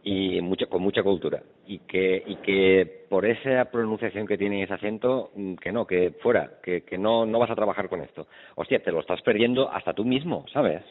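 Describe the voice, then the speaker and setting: Deep-voiced man, agreeable, tinny. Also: normal speed, hardly any pauses. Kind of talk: casual podcast chat. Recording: tinny phone-like sound.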